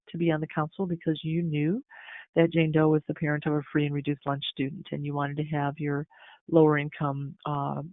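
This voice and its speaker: An American man talks through a training webinar for school counselors, casual and full of fillers and restarts. His voice sits a bit high for a man. The audio is dry and narrow, like a phone call. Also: dry recording. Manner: conversational, many fillers and restarts. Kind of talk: instructional webinar talk.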